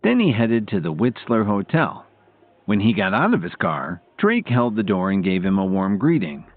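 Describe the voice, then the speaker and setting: Low-voiced, expressive male audiobook narrator. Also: moderate pace, dry recording. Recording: tinny phone-like audio, faint music.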